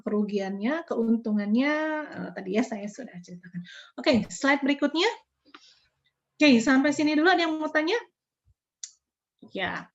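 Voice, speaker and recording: A woman teaches an online psychology class in a high, bright-toned voice. She explains casually and slips into short acted-out example exchanges, tagging points with "gitu ya". The sound is a little dull and lo-fi, like a computer mic on a video call. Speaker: psychology lecturer. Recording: slightly dull lo-fi online lecture audio.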